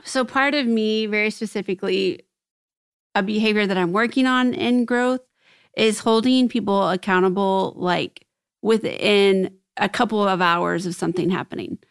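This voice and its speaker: A woman's voice: medium pitch, normal speed, clean tone. A woman in casual personal conversation, talking in a candid, self-examining way.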